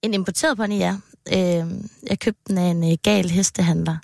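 A woman's voice: lowish voice, steady tone, gravelly, a little mellow, no echo, studio quality. A woman with a North Jutland accent, a podcast guest who talks hesitantly and plays along. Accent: North Jutland Danish. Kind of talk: casual comedy podcast chat.

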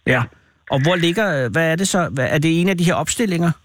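A man's voice: fairly high pitch, a little hiss or hum. A male radio host interviewing a caller, asking wry, teasing questions.

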